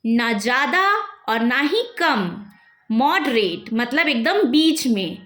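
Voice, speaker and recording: A woman with an Indian English accent teaching vocabulary, slowly repeating each word and its meaning. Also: on the high side, animated, fairly bright tone. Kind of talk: slow word-by-word vocabulary drill.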